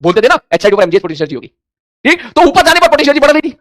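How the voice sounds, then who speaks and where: A man's voice: very high voice, very animated, very fast, no room sound, studio quality. A man teaching a physics lecture, mixing in English terms and acting out his students' questions in dialogue. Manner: mixes Hindi with English terms. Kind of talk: classroom lecture.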